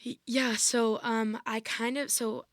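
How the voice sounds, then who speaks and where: A woman's voice: on the high side, flat delivery, slow pace, dry recording, studio quality. A woman in her twenties, a guest on an interview podcast, recounting her experiences casually with lots of "like" and "I was like". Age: 20s. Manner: retells events with frequent "like" and "I was like". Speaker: podcast guest, varsity athlete.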